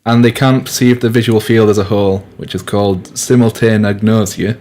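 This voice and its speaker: Young guy on student radio, lowish voice, rambly explainer, lots of "like". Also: steady tone, fairly quick, darkish tone, slight background noise. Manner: explanatory, loose, full of "like" and restarts. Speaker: radio co-presenter. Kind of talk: casual science chat.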